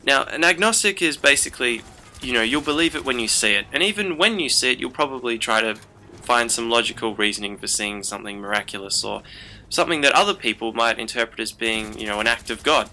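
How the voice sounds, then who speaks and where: A young man talks over gameplay in a loose, rambling way, leaning on fillers as he goes. His voice is strikingly bright and sharp. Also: medium pitch, quick pace, a little hiss or hum. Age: young adult. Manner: rambling, chatty storytelling with many fillers. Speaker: gaming channel host. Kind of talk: casual commentary over gameplay.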